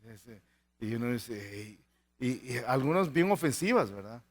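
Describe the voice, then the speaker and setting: A man preaching a sermon to a congregation, animated, often asking rhetorical questions and acting out the people in his stories. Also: mid-range voice, measured pace. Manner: animated preaching, acts out quoted voices in anecdotes; frequent rhetorical "¿verdad?" asides to the congregation. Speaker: pastor.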